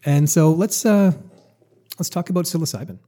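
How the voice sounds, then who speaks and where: A man's voice: on the high side, normal speed, mellow. A man hosting a casual podcast, chatty and jokey, rambling enthusiastically through his questions. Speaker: podcast host.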